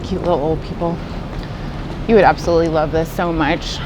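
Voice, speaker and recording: A woman's voice: low-pitched, steady tone, a little fast, noisy background. A woman giving a casual, chatty walking tour as a vlogger, rambling informally as if to a friend. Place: walking around an open cruise ship deck.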